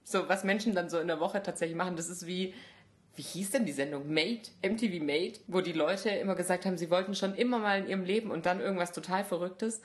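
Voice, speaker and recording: A woman's voice: lowish voice, fast. Laughing young woman telling stories. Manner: lively storyteller, laughs often. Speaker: podcast co-host. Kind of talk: casual chat.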